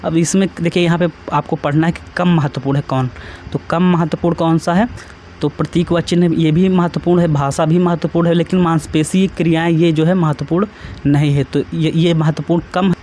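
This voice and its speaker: A man's voice: fairly high pitch, fairly even intonation, fairly quick, a little mellow, a little hiss or hum. A man, teaching an exam-prep lesson in a casual, repetitive way and often checking that students follow. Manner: repetitive, asks students questions, adds tag questions.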